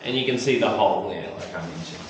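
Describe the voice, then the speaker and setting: A man's voice: on the low side, fast. A man working as a tour guide inside a cave, talking casually and instructively to a group, his voice carrying a cave echo. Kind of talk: informal guided tour explanation. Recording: echoing cave, distant mic, faint noise.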